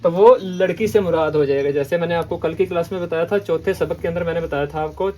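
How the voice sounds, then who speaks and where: A man's voice: on the high side, fast talker, a little mellow. A man from Pakistan teaching a language lesson, repeating words and often checking in with the listener. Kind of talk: patient classroom lesson.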